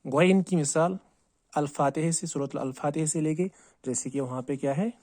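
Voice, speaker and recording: A man teaching Quran recitation. He asks and answers his own questions and repeats words slowly, drawing out each sound to show how to say it. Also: fairly high pitch, a little mellow, dry recording. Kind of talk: tajweed lesson on letter pronunciation.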